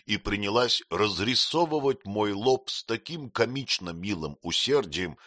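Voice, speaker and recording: A man giving an expressive, measured first-person narration of a novel as an audiobook reader. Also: lowish voice, no room sound, studio quality.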